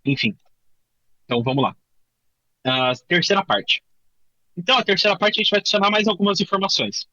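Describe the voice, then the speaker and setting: Brazilian male instructor, bright dry voice, casual workshop demo, lo-fi sound. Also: high voice, animated, no room sound. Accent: Brazilian Portuguese. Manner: informal, many restarts, thinking aloud while demoing; says he tends to talk fast. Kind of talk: live coding workshop explanation.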